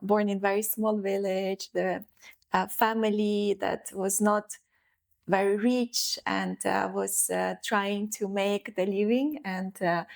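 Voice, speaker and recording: A woman speaks as an interview guest. Her voice has a gravelly fry, and she tells her story earnestly, often tagging her sentences with "right?". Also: medium pitch, steady tone, takes it slowly. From Ukraine. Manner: earnest storytelling with frequent "right?" tag questions. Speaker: psychologist, app founder.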